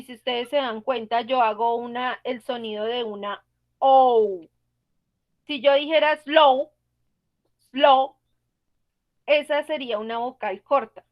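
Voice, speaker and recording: A woman's voice: a little high, dull audio. A woman teaching an online English class, patiently explaining grammar rules step by step and asking the students questions.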